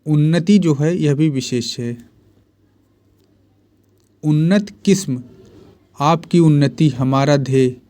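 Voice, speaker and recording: A man's voice: fairly high pitch, slow, pauses often, dark tone. A man teaching Hindi spelling and grammar for exams, repeating each word and answering his own questions. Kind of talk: exam-prep lesson.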